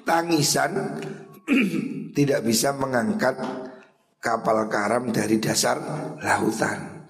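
A middle-aged man with a Javanese accent giving an informal religious lecture, talking conversationally and often clearing his throat. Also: mid-range voice, slow pace, pauses often, echoey room. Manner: conversational, mixes in regional phrases, frequent throat clearing. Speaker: Islamic preacher teaching a kitab study class.

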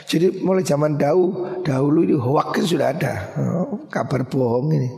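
A middle-aged man with a Javanese accent, preaching a lively storytelling sermon and acting out the voices of his characters. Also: on the high side, moderate pace, vocal fry. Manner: animated, acts out voices in his stories, mixes in Javanese. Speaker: Islamic preacher. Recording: echoey hall.

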